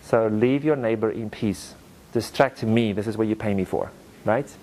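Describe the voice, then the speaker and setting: A man teaching a presentation skills workshop to a live audience, animated and direct, acting out quotes in playful voices. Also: lowish voice, moderate pace, slight background noise. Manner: direct, asks the audience to repeat lines to each other. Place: training room with a live audience.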